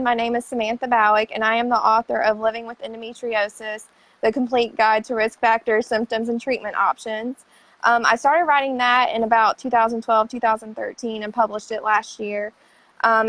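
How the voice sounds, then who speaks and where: Higher-voiced woman guest, dry sound. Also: no echo, low-quality recording. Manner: relaxed, plain, with frequent um fillers. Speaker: guest author. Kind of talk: casual livestream interview. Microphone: wearing headphones on a call.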